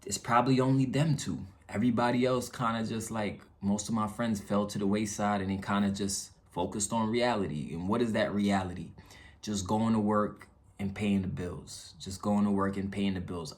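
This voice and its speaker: A YouTube vlogger with a fairly low, slightly mellow voice vents casually to his viewers. He's earnest, candid and slangy, repeating phrases for emphasis and frequently dropping in check-in tags.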